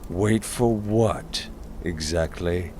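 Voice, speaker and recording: An actor playing an arrogant, menacing warrior chieftain in a dark fantasy audiobook, with a hard, sneering delivery. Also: male voice, lowish voice, unhurried, a little hiss or hum, close to an everyday voice. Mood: mocking.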